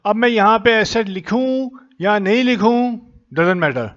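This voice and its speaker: A man, teaching accounting in a slow lecture while writing, his throat and chest sore and coughing now and then. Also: high voice, lively intonation, a bit bright, muffled recording. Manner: speaks deliberately slowly, dictating as he writes.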